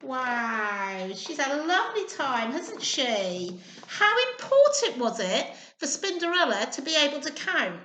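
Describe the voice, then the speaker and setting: Reading aloud to young children, a woman whose voice sits high uses a lively, sing-song, encouraging delivery and pauses to pose questions to them. Her recording has an echoey room sound.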